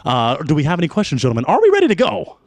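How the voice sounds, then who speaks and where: A man runs a dating game show with a showman's patter, his pitch swinging high and low. He sounds close and dry, without room echo. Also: very fast. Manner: animated, showman emcee patter.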